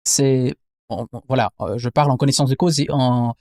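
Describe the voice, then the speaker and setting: In an interview, a young Belgian man in his twenties who works as an anthropologist thinks aloud, searching for words and reformulating mid-thought. He speaks at a normal speed in a mid-range, darkish voice, captured in studio quality with no echo.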